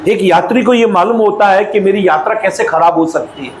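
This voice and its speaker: A man's voice: sits high, brisk, reverberant, slight background noise, low-quality recording. A male pastor preaching a sermon emphatically and calling out to his congregation.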